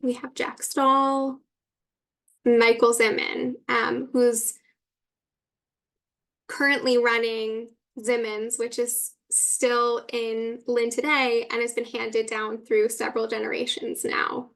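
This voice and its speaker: A woman's voice: a little high, little pitch movement, takes it slowly, fairly bright tone. A woman presenting a webinar, giving a guided tour of an online exhibit and introducing recorded clips.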